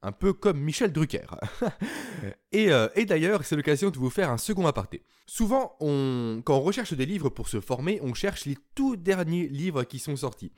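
A man's voice: fairly high pitch, very animated, normal speed, darkish tone. A man hosting his own podcast, talking listeners through a self-improvement topic in a chatty, explanatory way with self-deprecating asides. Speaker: podcast host. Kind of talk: solo podcast monologue.

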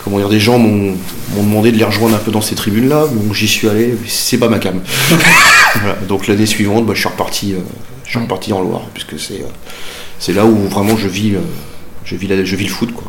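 A man's voice: on the low side, fairly even intonation, a little fast. Hesitant middle-aged man in a roomy space. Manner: hesitant, many fillers. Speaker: interviewee, football fan. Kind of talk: casual reminiscing interview. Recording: roomy with faint ambience.

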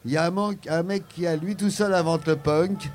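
Animated older French storytelling man. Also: on the high side, brisk, faint music behind. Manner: animated storyteller, many fillers. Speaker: guest. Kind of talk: anecdotal interview storytelling.

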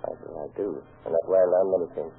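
An actor playing a sly, precise smuggler with a very husky voice and clipped, formal English in an old crime film. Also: male voice, deep voice, fairly even intonation, rapid-fire, soft background music, heavily acted. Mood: controlled, secretive. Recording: tinny, phone-like old film soundtrack.

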